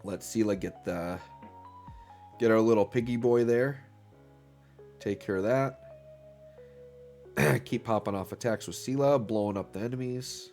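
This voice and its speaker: A man hosts a gaming channel, chatting casually as he plays, his lowish, slightly mellow voice moving a little slowly with long pauses over soft background music. A slight stuffiness from illness comes through, and he's upbeat, packing his talk with fillers like "um" and "right?".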